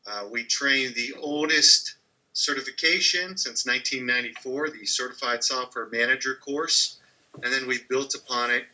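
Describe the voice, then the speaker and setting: A man's voice: medium pitch, moderate pace, pushed and bright, low-quality recording. A man speaking as a podcast guest, earnestly explaining his work with a few uhs and ums. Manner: earnest, explanatory, uses fillers. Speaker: guest, training company head. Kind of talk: casual podcast interview.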